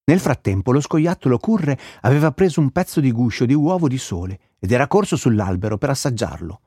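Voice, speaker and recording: A man narrating a children's fairy tale in a gentle storytelling manner. His voice sits at an ordinary middle pitch. The recording is dry, with no room sound. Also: animated, a little fast, breathy edge, no room sound.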